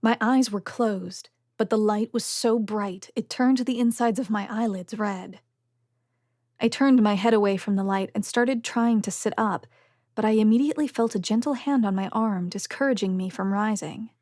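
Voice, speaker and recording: A woman reading a first-person novel aloud as an audiobook narrator, measured and at times sinking to a soft whisper. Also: mid-range voice, dry recording, studio quality.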